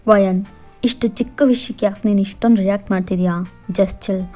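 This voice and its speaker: A woman's voice: medium pitch, fairly even intonation, moderate pace, warm tone, faint music behind, lightly acted. A woman voicing a cold, dismissive young husband who gives curt orders in a bored, bossy way.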